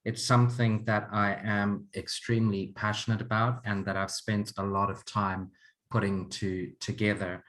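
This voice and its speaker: A man's voice: lowish voice, level tone, moderate pace, fairly bright tone. A man in his forties from Zimbabwe, introducing an online course over a video call in an earnest, open way. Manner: earnest, open, chuckles often. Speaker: counselor and program leader.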